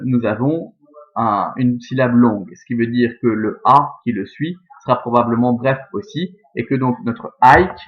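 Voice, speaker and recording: A male teacher giving a recorded lesson on scanning Latin verse, working methodically step by step and often adding "hein" and "euh". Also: medium pitch. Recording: dull, lo-fi sound.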